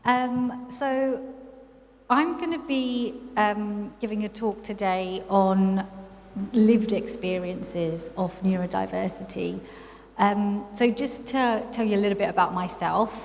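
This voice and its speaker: A psychologist in her thirties from East London, England, gives a personal talk as a guest speaker at a community event in a church hall. Her mid-range voice is creaky and slow, warm and chatty with frequent fillers, and the hall's reverberation carries faint background noise.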